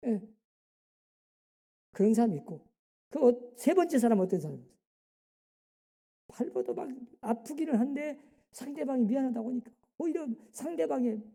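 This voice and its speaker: A woman's voice: a little high, vocal fry, warm tone. Woman preaching in a reverberant church. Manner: emphatic preaching with rhetorical questions and interjected "예?". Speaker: pastor. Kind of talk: sermon. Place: church sanctuary. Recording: long hall reverb in a church.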